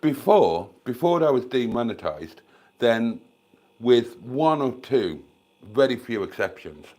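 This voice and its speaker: Speaking slowly into a desk mic near his fridge at home, this older man with a British accent is very animated and a little mellow, his voice sitting in the mid-range. He's a YouTube host running a casual livestream, coughing and stuffed up with a cold, rambling self-deprecatingly and addressing viewers as darlings.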